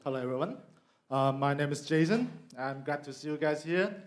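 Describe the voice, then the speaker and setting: Middle-aged man speaking slightly high. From Hong Kong. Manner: casual, halting delivery with frequent fillers and restarts. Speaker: company CEO giving a talk. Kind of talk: presentation at an event.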